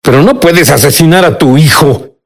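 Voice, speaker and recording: A man's voice: a little high, expressive, normal speed. A man hosting a TV interview, asking earnest and probing questions. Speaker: host.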